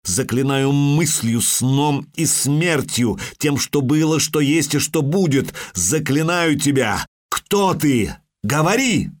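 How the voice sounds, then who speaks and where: A man's voice: on the high side, lively intonation, slow pace, pitched above the performer's own voice. A man voicing an adult sorceress urgently chanting a commanding spell in an audiobook.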